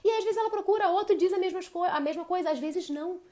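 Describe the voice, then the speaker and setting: A woman hosting a live stream, telling a personal story in a casual, animated way and often checking in with her listeners. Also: very high-pitched, rapid-fire. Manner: animated storytelling with many tag questions. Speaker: host of a women's health live stream.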